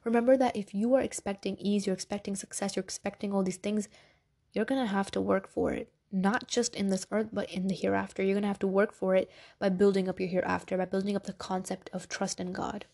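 Her mid-range voice sounds mellow and soothing, though she's a bit congested. This young podcast host offers chatty, straightforward motivation, addressing the audience as "girl" and "y'all."

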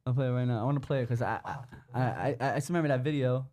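Fast, casual man, medium pitch. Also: a little mellow. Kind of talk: casual podcast chat.

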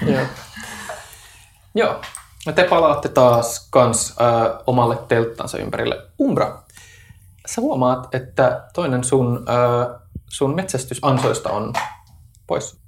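A man's voice: mid-range voice, expressive, gravelly, long pauses. Casual male game master, echoey room. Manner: casual, filler-heavy narration. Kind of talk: narrating a tabletop game. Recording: echoey room with background noise.

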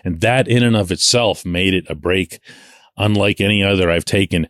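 A man in his forties from Pittsburgh, hosting a solo sports podcast and talking in an animated way, stretching the words he wants to stress. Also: low voice, normal speed, no echo, clean studio sound.

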